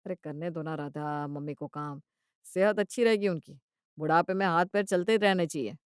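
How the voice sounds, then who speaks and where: A woman voicing a grown son who teases with smug, laid-back amusement, in a lowered voice. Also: moderate pace, smooth, dry recording, clean studio sound, natural voice. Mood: teasing.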